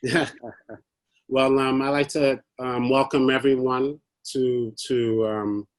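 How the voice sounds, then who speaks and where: Man from Haiti, guest speaker on a video call; hesitant, filler-heavy, mid-pitched. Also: little pitch movement, takes it slowly, no echo. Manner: hesitant, many fillers, a little nervous. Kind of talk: prepared talk on a video call.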